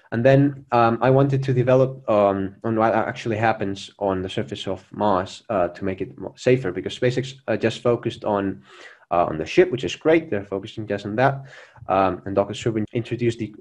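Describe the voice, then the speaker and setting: A man's voice: on the low side, a little mellow. A young man presenting his own plan over a video call, answering questions earnestly with many fillers and restarts. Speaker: presenter of a Mars mission plan. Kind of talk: conference Q&A answers.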